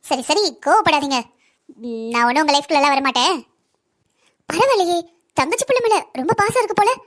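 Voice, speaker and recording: A woman does cartoon voice acting as a scheming young villainess who swapped a baby. Her high-pitched, expressive voice moves briskly, and she sounds sly, taunting and mocking, with a show of mocking politeness.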